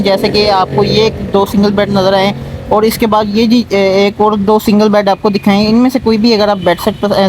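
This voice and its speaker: Male showroom pitchman over clear background noise. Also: darkish tone, low-quality recording. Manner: repetitive sales-pitch delivery, stressing low prices. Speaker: YouTube channel host. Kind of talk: showroom sales walkthrough.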